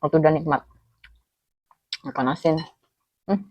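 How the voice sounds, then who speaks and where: This is a low-pitched woman speaking at a moderate pace, with the top end of the recording cut off. She's a food vlogger from Cilacap in Central Java, Indonesia, with a Javanese accent. In this casual mukbang she eats while talking, mouth full, letting out appreciative hums.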